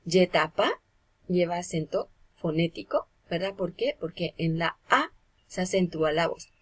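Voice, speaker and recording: A woman's voice: lowish voice, normal speed, breathy edge. A woman, teaching a grammar lesson to children online and explaining patiently through examples.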